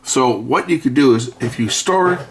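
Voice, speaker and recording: A middle-aged man with an animated, mid-range voice reviews a product at an indoor workbench. The demo is casual and hands-on, and he takes his time, thinking aloud while pressing buttons and talking his way through menus.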